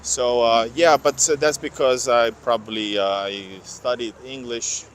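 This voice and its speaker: Unhurried and fairly even in intonation, a mid-range male voice carries a slight Finnish accent; he is from Finland and his first language is Finnish or Russian. As a vlogger on a livestreamed city walking tour, he rambles, corrects himself, and reads viewer messages over noisy traffic.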